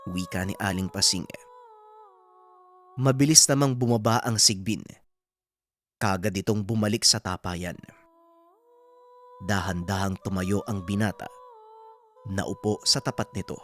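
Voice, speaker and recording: Very low-voiced woman storyteller. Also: a little slow, long pauses. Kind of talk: folk horror story narration.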